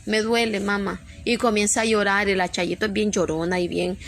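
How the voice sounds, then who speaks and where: A woman's voice: mid-range voice, steady tone, brisk, a little hiss or hum. A woman preacher telling an emotional personal testimony to her congregation, earnest and repetitive, often restarting her sentences.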